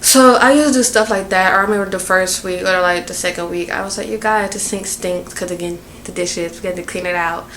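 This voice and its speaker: Young woman, Southern American accent, casual storytime vlog, chatty venting, fillers, slightly low voice, faint background hiss. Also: steady tone, fairly quick, hardly any pauses, a bit bright. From Southern United States. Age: young adult. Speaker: vlogger. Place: at her workplace.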